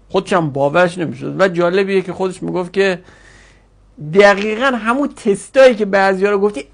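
A man teaching Arabic grammar in a classroom lecture, explaining forms step by step and repeating them slowly for students. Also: high voice, vocal fry.

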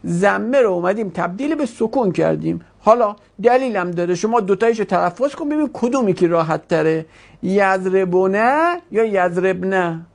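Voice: medium pitch, expressive, gravelly, few pauses, a little mellow, husky. A teacher giving a grammar lesson to a class, asking questions and drawing out words while explaining.

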